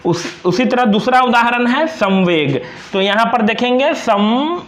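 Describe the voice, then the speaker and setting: Man, young adult, grammar teacher, high voice, echoey room. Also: expressive, fairly bright tone. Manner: slow, patient, repeats each example word. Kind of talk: classroom lesson explaining examples on a board.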